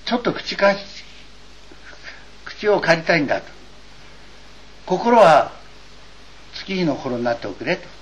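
An older man from eastern Japan, a religious teacher, delivers an earnest, wry, digressive doctrinal lecture. His slightly high voice swings widely in pitch, moving slowly with long pauses, on a dull lo-fi recording with faint hiss.

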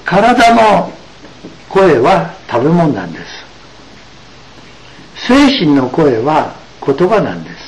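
A man giving an explanatory religious lecture, emphatic and full of drawn-out asides. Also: fairly high pitch, huge pitch swings, poor audio. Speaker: religious teacher.

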